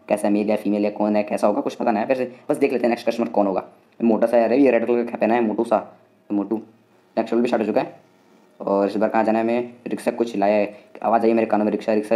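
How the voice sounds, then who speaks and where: A man with an Indian accent giving excitable, chatty commentary while playing a driving game, talking to the game and to viewers. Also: lowish voice. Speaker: gaming channel host.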